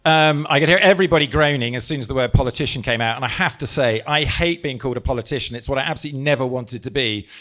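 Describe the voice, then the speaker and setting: Through a handheld microphone, a man from England who leads a political party delivers a live speech, pressing each phrase slowly and with force. He has a medium-pitched voice.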